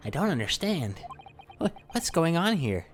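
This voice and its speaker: A man's voice: on the high side, big pitch swings, moderate pace, faint music behind. A man with a sore throat co-hosting a let's play, thinking aloud wryly in casual gameplay commentary.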